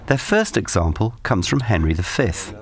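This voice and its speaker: A male narrator reads a documentary script. His voice is fairly low, with lively rises and falls. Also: moderate pace.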